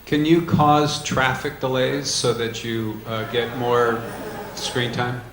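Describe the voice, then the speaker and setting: A man's voice: mid-range voice, little pitch movement, takes it slowly, fairly bright tone. A man asking a short, spontaneous question as an audience member at a live talk. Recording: echoey room sound.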